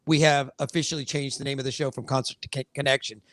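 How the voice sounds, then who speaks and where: A man hosting a casual show, excitable and joking, talking on a call. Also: mid-range voice, no echo. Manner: excitable, laughing, quick to joke. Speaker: show host. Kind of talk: casual banter on a video call.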